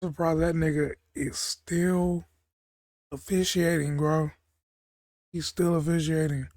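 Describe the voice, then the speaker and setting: A man's voice: a little high, a little slow, dry recording. Slangy male reactor, dry close sound. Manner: blunt, slangy, excitable. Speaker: video reactor. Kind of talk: casual reaction commentary.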